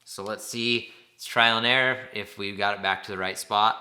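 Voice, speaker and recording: A man's voice: fairly low pitch, fairly even intonation, normal speed, very noisy. A man giving an informal, plain-spoken instructional demonstration, explaining things step by step.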